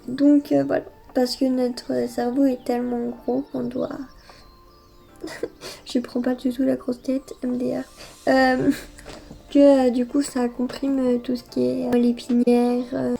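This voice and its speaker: A woman's voice: high voice, gravelly, dark tone. A woman beauty YouTuber chatting casually through a haul vlog, hesitant and full of filler sounds.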